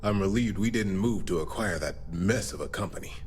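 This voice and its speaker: A man's voice: low voice, brisk, darkish tone, a little hiss or hum, natural voice. An actor playing an aloof, disapproving male executive in a video game, speaking in a dry, condescending way. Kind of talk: video game character acting.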